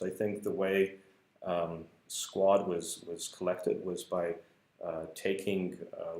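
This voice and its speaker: A man with a low, slightly mellow voice explains a research paper at a whiteboard, speaking casually and hesitantly with many fillers and restarts. English isn't his first language, and the room sounds echoey.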